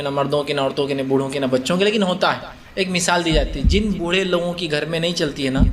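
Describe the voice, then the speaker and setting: A man's voice: high-pitched, a bit bright. A man giving a religious lecture, explaining conversationally by asking and answering his own questions and acting out scenes. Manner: acts out scenes with shifted voices. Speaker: Islamic lecturer.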